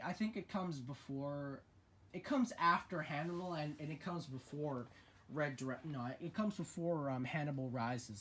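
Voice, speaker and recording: A man's voice: mid-range voice, fairly bright tone, a little hiss or hum. A young man in a casual vlog, talking through his horror movie collection in an opinionated, chatty way with frequent restarts.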